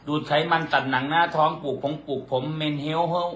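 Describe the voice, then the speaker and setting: A man's voice: fairly high pitch, fairly even intonation, fast talker, a bit bright. A man with an Isan Thai accent, chatting casually with his partner and teasing him in a playful, bickering way. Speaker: vlogger. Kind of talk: casual couple chat.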